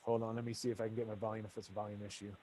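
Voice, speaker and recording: Guy on a crackly phone line cutting in and out, flat voice, lots of uhs. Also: on the low side. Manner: halting, many fillers and restarts. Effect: crackly, fading phone line. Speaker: hospital report presenter at a board meeting. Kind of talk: remote meeting call-in. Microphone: phone call into a meeting.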